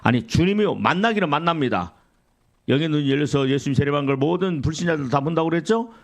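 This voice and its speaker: A man's voice: fairly high pitch, expressive, fast talker. A middle-aged male pastor preaching a sermon in a church, asking the congregation questions and answering them himself, and quoting scripture. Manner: quotes scripture and acts out complaining believers. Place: church sanctuary.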